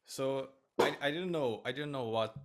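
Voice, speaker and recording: A man from Romania, a flight attendant and host, chatting casually with a relaxed, storytelling manner. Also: medium pitch, normal speed. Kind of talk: casual chat.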